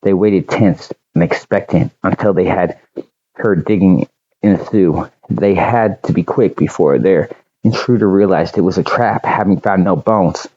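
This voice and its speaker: Male storyteller, lowish mellow voice, measured reading, dull lo-fi sound. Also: husky. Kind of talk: storybook audiobook narration.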